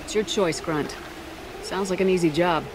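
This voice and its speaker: A woman's voice: fairly low pitch, moderate pace, noisy background, close to an everyday voice. A woman playing a tough, no-nonsense military commander in a video game, speaking in a clipped, assertive way. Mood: challenging. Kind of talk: dramatic video game acting.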